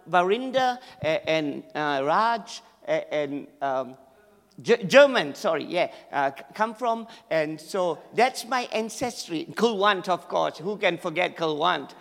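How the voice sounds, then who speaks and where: A man with a Malaysian English accent, originally from Malaysia, preaching as a guest in church, excitable and over the top with frequent laughter. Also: sits high, a little slow, gravelly. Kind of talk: sermon. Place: church hall. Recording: echoey church hall with long reverb.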